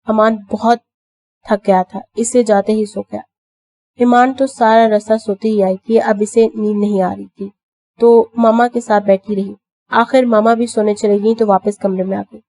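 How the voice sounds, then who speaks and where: A woman narrating an audio novel in a steady storytelling manner. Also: mid-range voice, dry recording. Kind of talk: scripted narration.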